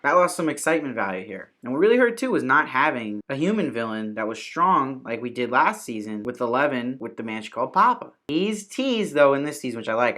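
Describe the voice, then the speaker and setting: A man talking through a TV review in a loose, casual way. He is opinionated and chatty, with plenty of filler words, and he slips into quick mock-quoted asides as he makes his points. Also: medium pitch, a bit bright. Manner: opinionated, conversational, frequent fillers like "kinda" and "like"; mimics imagined viewers in quoted asides. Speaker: TV review host.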